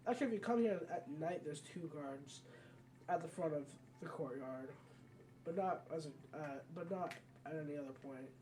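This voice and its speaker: With a darkish tone and a mid-range voice at normal speed, a let's player chats casually and rambles about a video game, often stopping to correct themselves mid-sentence. Background noise and a distant mic are part of the recording.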